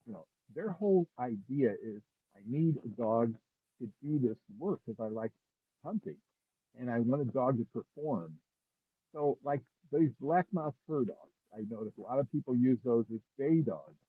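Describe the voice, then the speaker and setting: A dog breeder chats casually on a remote call through earbuds, his medium-pitched voice animated and at normal speed, with no room sound. The audio is muffled, husky, dry and phone-like, as though heard through a wall. He rambles, restarting often.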